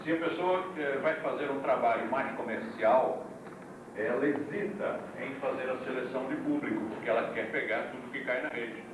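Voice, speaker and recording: A man teaching a yoga class in a deliberate, explanatory way, heard on an old VHS tape recording. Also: mid-range voice. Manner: deliberate, explains terms one by one, with asides to the class. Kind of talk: classroom lecture. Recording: echoey, distant, noisy old VHS recording.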